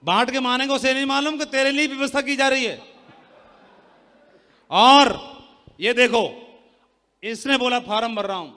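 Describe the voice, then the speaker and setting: A man giving a motivational sales talk on a handheld mic to a live audience, loud and teasing, quizzing the crowd. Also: extremely high pitch, measured pace, long pauses, long reverb tail. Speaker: seminar speaker. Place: large hall with an audience.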